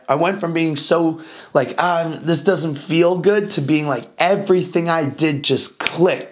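A young man with a voice on the high side chats casually to the camera as a fitness vlogger. He's blunt, swears a lot and uses plenty of fillers.

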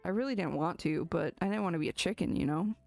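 Woman doing an eager little pig girl in a game, rambling, low and dry. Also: fast, creaky, darkish tone, no room sound. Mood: chatty. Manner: chatty, rambling. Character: young pig girl patient, chatty and eager.

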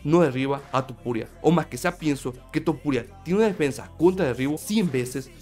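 A man's voice: a little high, brisk, a little mellow, soft background music. A man commenting on a fight in an opinion video, talking emphatically to his viewers while he has a sore throat. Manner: emphatic, repetitive, addresses viewers directly. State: sore throat, slightly feverish. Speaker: MMA commentator.

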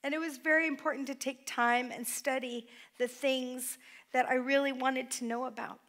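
A woman's voice: high voice, steady tone, moderate pace. A middle-aged woman pastor giving a heartfelt sermon in a church hall, picked up by a distant microphone. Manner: heartfelt, tearful at times, with soft laughs. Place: church hall with a small stage.

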